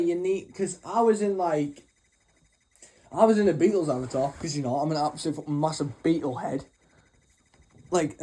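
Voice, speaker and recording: A young channel host, sleepy and freshly awake, delivers a meandering storytime rant full of swearing and mockery, in a mellow voice that's a little high.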